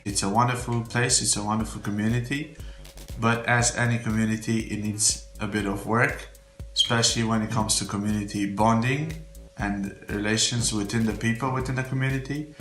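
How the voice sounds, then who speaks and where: A Romanian church member gives an earnest, unscripted testimonial, heartfelt and full of faith, in slightly particular phrasing. His voice is on the low side, steady and a bit bright, at a normal speed, with a roomy echo and faint background music.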